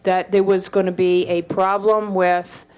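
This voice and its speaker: A woman official giving a formal response in a council chamber, measured and somewhat halting as she defends herself. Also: fairly low pitch, little pitch movement, darkish tone, smooth.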